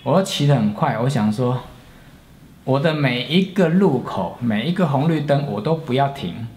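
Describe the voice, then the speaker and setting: A man in his forties with a Taiwanese Mandarin accent tells a story from his own life. He speaks earnestly and reflectively in a mid-range voice, pausing and restarting as he recalls it. Faint noise sits behind him. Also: medium pitch, expressive, darkish tone. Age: 40s. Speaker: storyteller, channel host. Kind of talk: personal storytelling.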